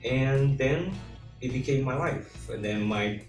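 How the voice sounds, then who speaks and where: A man whose first language is Portuguese, answering interview questions in halting English and often searching for words. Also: mid-range voice. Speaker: interview guest. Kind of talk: casual conversational interview. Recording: echoey room from far off, music behind.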